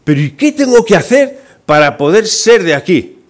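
A man's voice: sits high, very animated, normal speed, voice pushed up. A man voicing an eager foreign man who keeps asking how to fit in, earnest and puzzled.

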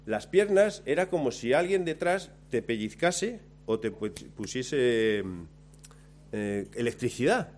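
A man telling a lively, self-mocking story about himself, acting out his own lines along the way. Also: medium pitch, slow pace. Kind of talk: anecdote told to listeners.

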